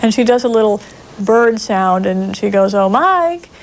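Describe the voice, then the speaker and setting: A woman in a casual interview, telling warm anecdotes about her castmates. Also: medium pitch, fairly even intonation, moderate pace, slight background noise, low-quality recording.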